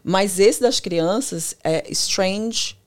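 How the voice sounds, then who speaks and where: Woman, therapist guest, animated, laughs often, mid pitch. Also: drawn-out words. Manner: animated, acts out quotes, laughs easily. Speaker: family and couples therapist, guest. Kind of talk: explanatory podcast conversation.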